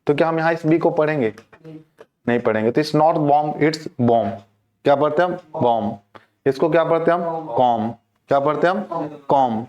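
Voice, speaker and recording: A man's voice: fairly high pitch, normal speed, a little mellow, highs cut off. A male teacher giving a classroom lecture on English pronunciation. He keeps asking the class questions and then answering them himself.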